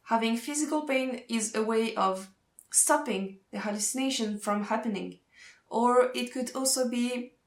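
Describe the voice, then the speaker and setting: Her voice sits on the high side, with a roomy sound around it. The speaker is a young Swiss woman studying social work, a native French speaker explaining something in accented English for a vlog, earnest and occasionally halting as she looks for words.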